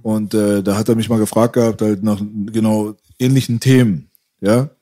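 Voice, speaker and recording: Mellow man asking probing questions. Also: on the low side, fairly even intonation, moderate pace. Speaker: interviewer. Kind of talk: casual interview.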